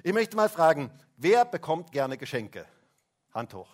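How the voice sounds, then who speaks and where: Guy preaching at a christmas service, bit high voice, chatty with the kids, keeps saying hä. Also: sing-song, unhurried. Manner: chatty, asks the children questions, tag "hä?". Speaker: pastor. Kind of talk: Christmas sermon. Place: church service, also livestreamed.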